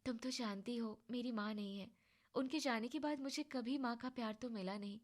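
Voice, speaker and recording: A woman voicing a shy, gentle young wife who speaks softly and hesitantly. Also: sits high, animated, normal speed. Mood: tender. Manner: soft, quiet and hesitant.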